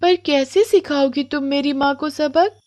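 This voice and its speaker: Cartoon storybook: a timid, tearful little girl, voiced by a woman, high and soft. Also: unhurried, dry recording, clean studio sound. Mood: fearful. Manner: tearful, pleading.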